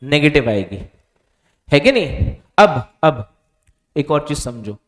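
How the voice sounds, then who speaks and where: A male physics teacher giving a board lecture, asking questions and quietly answering them himself. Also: a little high, sing-song, slow. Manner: stretches out key answer words softly. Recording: reverberant room.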